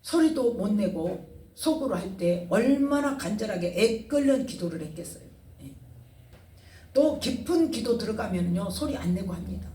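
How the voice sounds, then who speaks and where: A woman's voice: mid-range voice, expressive, moderate pace, dark tone, reverberant, distant mic. A woman pastor preaching a sermon, asking the congregation questions and retelling scenes with feeling. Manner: call-and-response questioning, dramatic retelling.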